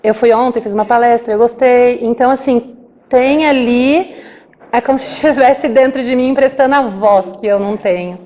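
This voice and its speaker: A woman voicing a deaf speaker's talk aloud as a sign language interpreter, lively and acting out small scenes. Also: fairly high pitch. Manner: lively, acts out little scenes with quick asides. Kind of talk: live spoken interpretation of a talk.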